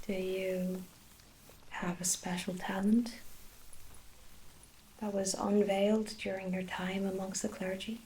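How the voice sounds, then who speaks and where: An Irish woman performs an ASMR role-play as a gentle fantasy hair sorcerer. Her delivery is soft and even, with a crackly, creaky edge and deliberate, archaic wording. A faint noise and small clicks sit behind her voice. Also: medium pitch.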